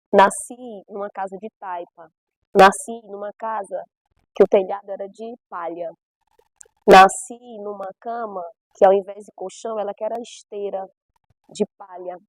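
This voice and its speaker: A woman's voice: medium pitch, steady tone, unhurried, dry recording, poor audio. Emphatic woman from Brazil's Northeast. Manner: emphatic storytelling with repeated phrases. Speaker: guest gospel singer. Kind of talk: personal testimony.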